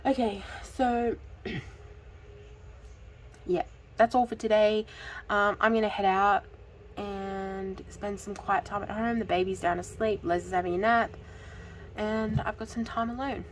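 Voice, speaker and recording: A woman's voice: mid-range voice, steady tone, unhurried, pauses often, slight background noise, poor audio. Chatty woman vlogging. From Australia. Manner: chatty, giggly, with frequent ums. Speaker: budgeting channel host. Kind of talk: casual vlog chat.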